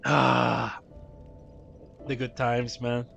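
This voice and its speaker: A man's voice: medium pitch, little pitch movement, extremely slow, gravelly, a bit bright, faint music behind. A young man streaming a game, chatting casually and telling stories with laughter and frequent swearing. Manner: laughing, profane, rambling storytelling. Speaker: gaming streamer. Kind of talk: casual chat while playing.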